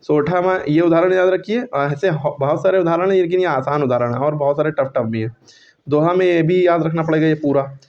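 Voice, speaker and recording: A man's voice: on the high side, brisk, lo-fi sound. Man teaching, counting syllables aloud. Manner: counts syllables aloud, checks and corrects himself. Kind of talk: classroom lesson on Hindi verse meter.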